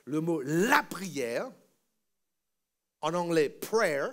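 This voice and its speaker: A man's voice: on the high side, very animated, very slow. A man preaching a sermon in a church, teaching word by word and having the congregation repeat after him in call-and-response. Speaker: pastor.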